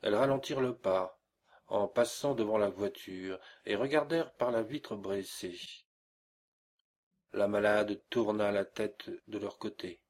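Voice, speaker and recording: A man's voice: lowish voice, a little slow, darkish tone. A man reading a classic novella aloud as an audiobook, voicing the characters lightly in his own voice. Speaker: audiobook reader. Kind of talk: scripted narration of a classic novella.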